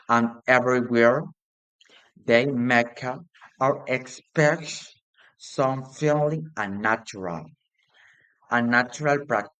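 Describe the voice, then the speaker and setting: A man talks through an English grammar lesson at a very slow, deliberate pace. His delivery is halting and hesitant, full of restarts and pauses, and his voice sits at an ordinary middle pitch. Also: fairly bright tone, smooth, rough recording. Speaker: student presenting a grammar lesson. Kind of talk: read-aloud classroom presentation.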